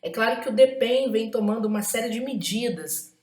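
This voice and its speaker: A woman's voice: fairly high pitch, a little fast, darkish tone, echoey room. A woman with a Brazilian Portuguese accent gives an exam-prep writing lesson, emphatic and often checking in with tag questions.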